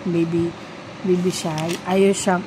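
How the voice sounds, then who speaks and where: Filipino mom in her 30s vlogging on her phone at home, slow relaxed chat, noisy room. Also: fairly low pitch. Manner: switches between Filipino and English, coaxing her child. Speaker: vlogger and mother. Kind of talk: casual family vlog chat. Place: family home. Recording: home recording with background noise.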